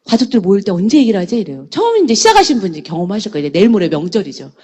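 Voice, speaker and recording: A woman's voice: mid-range voice, rapid-fire, slightly rough. A woman giving a motivational seminar talk, acting out the people she quotes and asking her audience questions. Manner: animated, acts out quoted people; addresses audience with rhetorical questions. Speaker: seminar speaker.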